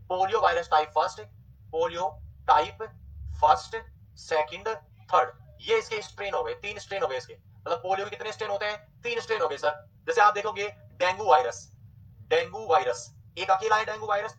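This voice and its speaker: A man teaching a nursing exam class, repeating terms slowly and quizzing his students. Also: high-pitched, a bit bright, far from the mic, lo-fi sound. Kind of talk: online exam coaching lecture.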